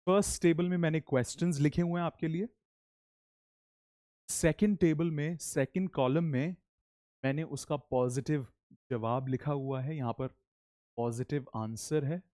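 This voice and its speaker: A man teaches English in Hindi, taking his time and acting out each example for the class to repeat. His voice is soft and warm, and the recording is dry and close with no room sound. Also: a little high, dry recording. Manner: slow, animated drills with repeat-after-me prompts. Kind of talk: spoken English lesson in Hindi.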